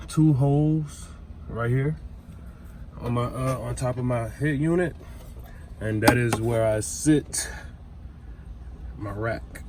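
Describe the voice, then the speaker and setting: An American vlogger demonstrates a DIY car install in or around a vehicle, chatting casually in an informal, slangy manner. His voice is medium-pitched with a darkish tone. Background noise and vehicle ambience are clearly audible.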